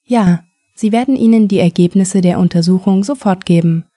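A calm male surgeon, read by a woman who explains things in a measured way. The voice is mellow and dry. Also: medium pitch, no room sound, close to an everyday voice.

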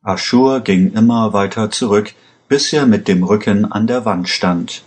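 A male narrator reading a crime story aloud. His voice is deep and his delivery unhurried. Every sentence is measured and even.

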